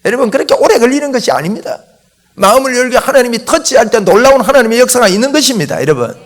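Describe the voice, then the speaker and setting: A man pastor giving a Sunday morning sermon, emphatic and constantly addressing the congregation, swinging between loud exhortation and hushed lines. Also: very high-pitched, lively intonation, rapid-fire.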